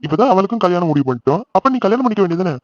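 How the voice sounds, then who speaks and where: A man voicing a calm, reassuring middle-aged father in a family cartoon. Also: high voice, rapid-fire, dry recording, muffled recording. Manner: gentle, reassuring. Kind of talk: cartoon voice acting.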